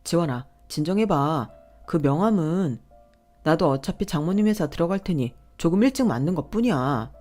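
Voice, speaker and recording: A woman's voice: low-pitched, lively intonation, normal speed, dark tone, faint music behind. A woman voicing an entitled, scheming young husband who whines and makes demands. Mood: wheedling. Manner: whiny, demanding, indignant.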